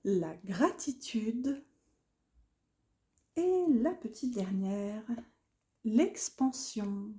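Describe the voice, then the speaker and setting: Slow, mellow woman with a slight lisp. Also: medium pitch, lively intonation. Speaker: oracle card deck presenter. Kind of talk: casual presentation with read-aloud card texts.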